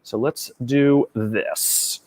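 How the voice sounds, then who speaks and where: A man giving a fast, upbeat, conversational tech talk as a developer advocate over a video call. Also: mid-range voice, fairly even intonation, darkish tone. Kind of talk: tech meetup presentation.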